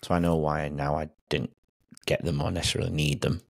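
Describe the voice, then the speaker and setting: A man in his forties with a low, husky voice. He answers therapy questions hesitantly and reflectively, feeling his way through each reply on a dry, close recording. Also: little pitch movement, fairly quick, no room sound. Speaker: hypnotherapy client. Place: home office, video call. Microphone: desk microphone with headset.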